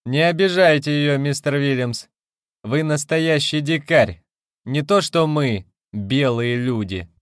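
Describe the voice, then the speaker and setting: A man reading an audiobook, voicing an indignant young man who shouts accusations. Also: fairly high pitch, slow, clean tone, dry recording, clean studio sound, voice pushed up. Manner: raised, indignant, loud.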